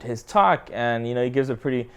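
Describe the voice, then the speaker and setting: Male guest, late 20s, mid-range and clear, casual slangy storyteller who swears. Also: mid-range voice, brisk. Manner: slangy, swears freely, many restarts.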